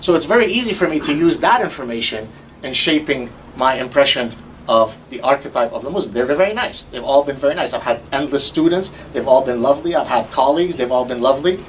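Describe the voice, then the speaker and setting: Speaking fast in a medium-pitched voice, a Lebanese host in his fifties whose first language is Arabic delivers sarcastic, animated lecture-style commentary, mimicking opponents in quoted voices. He sits far from the mic, and the low-quality recording has slight background noise.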